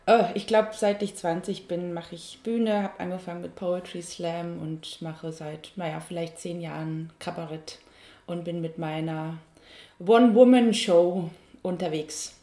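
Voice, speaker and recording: A cabaret artist in her thirties from Franconia, Germany, speaks with a Franconian German accent in a fairly low, dark voice at a measured pace and with fairly even intonation. She answers interview questions thoughtfully and hesitantly, with many fillers and restarts.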